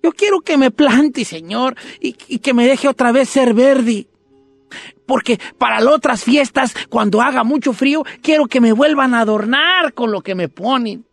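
Mujer haciendo un arbolito llorón que suplica. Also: female voice, high voice, vocal fry, no room sound, pitched above the performer's own voice, exaggerated voice. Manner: whimpering, begging, cries out in pain. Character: small male Christmas tree, pleading and fearful.

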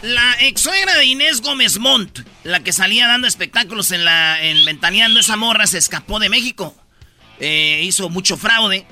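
An animated man with a Mexican accent hosts a casual comic radio show, full of slang and acted-out voices. His voice sits high and very bright, leaping around in pitch, with faint music underneath. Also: normal speed.

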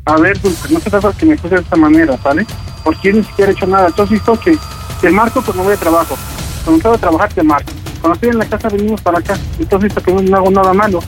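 A man's voice: sits high, steady tone, rapid-fire, soft background music, rough recording. Stammering, defensive man. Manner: defensive, stammering, keeps repeating himself. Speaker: prank call target. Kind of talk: phone argument.

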